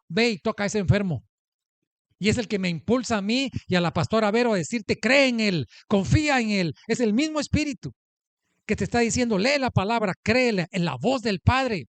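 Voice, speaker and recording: A man's voice: high-pitched, dry recording. A man preaching a sermon as pastor, emphatic, asking the congregation questions and answering them. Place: church in the United States.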